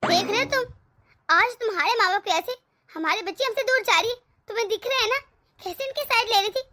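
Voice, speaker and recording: A woman voicing a scheming young wife in an animated family drama, who talks sharply and scolds. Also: extremely high pitch, brisk.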